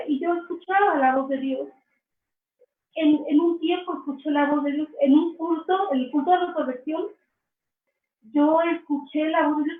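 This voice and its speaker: A woman telling her faith testimony in an interview, earnest and slow, often restarting her phrases. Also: high-pitched. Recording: echoey, distant, phone-like sound.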